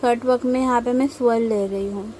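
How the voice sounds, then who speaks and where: A young woman from India explaining step by step as a tutorial host, slow and patient, with frequent pauses. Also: fairly high pitch, steady tone, a little mellow, a little hiss or hum, rough recording. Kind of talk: instructional voice-over while drawing.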